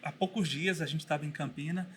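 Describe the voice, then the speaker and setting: A man speaking as a podcast guest and teacher, telling a story in a thoughtful way with pauses and restarts. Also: on the high side, fairly bright tone, slight background noise. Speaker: guest, Bible school teacher. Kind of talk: casual podcast conversation.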